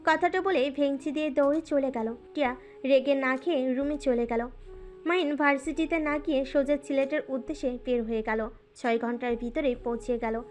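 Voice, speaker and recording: A woman doing scripted narration of a romance audio story in a smooth, even storytelling manner. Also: high voice, moderate pace, faint music behind.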